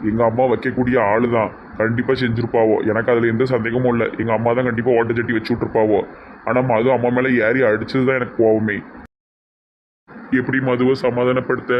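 Flat-voiced Tirunelveli man, stern. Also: medium pitch, slight background noise. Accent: Tirunelveli Tamil. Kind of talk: comedy sketch acting. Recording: dull lo-fi sound.

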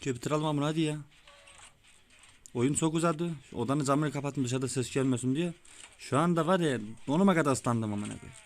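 A young man giving casual, excitable gameplay commentary, swearing often and talking like a buddy, his voice a bit rough. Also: fairly high pitch, a little fast. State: sweaty, voice gone a bit rough. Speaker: gaming YouTuber. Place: small room with window closed.

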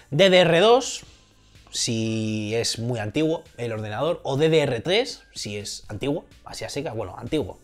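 Young man, casual tech talker, higher-pitched, slangy and informal, faint music bed. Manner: chatty, colloquial, informal slang and swearing. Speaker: tech YouTuber.

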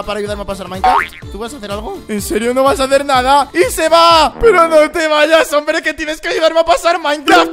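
A man with a Spain Spanish accent giving excitable gameplay commentary, often shouting, as a gaming YouTuber. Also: very high-pitched. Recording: game music clearly underneath.

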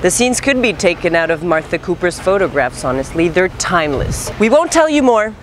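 This woman in her thirties, hosting a show, runs through scripted news in casual, slangy language with a lowish voice, big pitch swings, and a fairly quick pace. She's on a city street outdoors with a lapel mic, and there is background noise including music.

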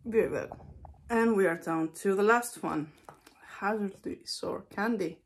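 A woman's voice: mid-range voice, unhurried. A woman in her thirties talking casually to the camera as host of a challenge vlog, in a small room at home. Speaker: video host taking a candy challenge. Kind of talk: casual solo vlog chat.

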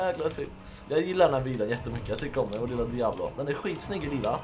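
A man's voice: mid-range voice, lively intonation, music in the background. A young man from Sweden, a gaming YouTuber, giving casual, joking let's-play commentary, swearing and laughing in bursts while feeling a bit under the weather.

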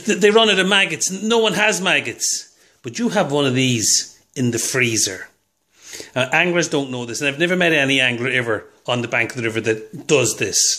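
With a medium pitch and a sharp tone, the host of a fishing video talks casually to the camera from home. He films his hands on his phone while explaining fishing tips, rambling and chuckling at his own jokes.

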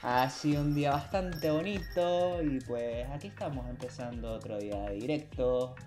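A man in his thirties with a Venezuelan Spanish accent streams a game from a small room at home, joking and teasing in lively, playful chat over a headset mic. His voice is medium-pitched at normal speed, with soft music in the background.

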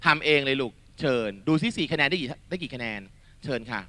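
A man teaching a lively exam-prep lesson to a hall of students, quizzing them and calling them "child" in a coaxing, energetic manner. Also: mid-range voice, brisk. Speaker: Thai tutor.

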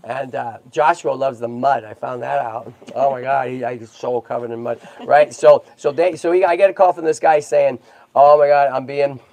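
A man's voice: mid-range voice, moderate pace, creaky, hardly any pauses, a little mellow, dry recording. A man hosting a tortoise rescue livestream in casual chat, talking in a chatty way and checking in often with "right?" and "okay?".

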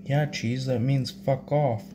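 A man's voice: mid-range voice, steady tone, slow pace. A man in his thirties cooking in a small home kitchen, swearing and muttering to himself while he works. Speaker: home cook vlogger. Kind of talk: casual cooking vlog. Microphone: phone camera propped on the counter. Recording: loud background noise.

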